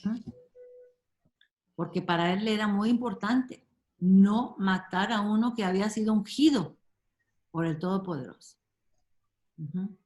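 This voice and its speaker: A woman leads a relaxed Bible study group over a video call. She talks in an unhurried, gentle way and leans on little fillers as she goes. Her voice sits at an ordinary pitch for a woman. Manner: warm, unhurried, many fillers like "este" and "ujú".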